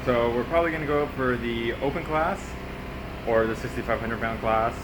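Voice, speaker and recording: A man's voice: medium pitch, moderate pace. A man giving a casual, matter-of-fact vlog update in a hesitant way. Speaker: truck puller. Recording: clear vehicle and air noise behind.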